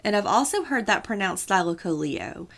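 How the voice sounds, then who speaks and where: A woman chatting on a podcast, explaining things in a playful, storytelling way. She tosses in jokes and little asides as she goes, in a voice of middling pitch. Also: animated, normal speed, a bit bright. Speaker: podcast co-host. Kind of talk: casual podcast chat.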